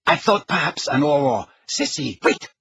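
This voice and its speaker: A man's voice: fairly high pitch, big pitch swings, normal speed, fairly bright tone, husky, highs cut off, full character voice. A man reading an audiobook, voicing a fierce, contemptuous adult witch who pleads urgently with her sister.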